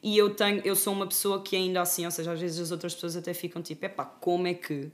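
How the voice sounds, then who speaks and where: A woman's voice: on the low side, steady tone, rapid-fire. A young woman speaking as a podcast guest in casual conversation, open and reflective, with lots of fillers.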